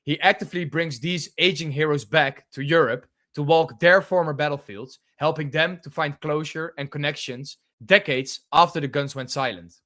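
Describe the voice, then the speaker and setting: A man's voice: fairly high pitch, normal speed, few pauses, sharp tone. This is a Dutch-accented male podcast host with a slightly raised voice. He chats casually, laughs easily and fills gaps with uhs and ums. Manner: joking and laughing, many fillers. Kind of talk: casual interview chat.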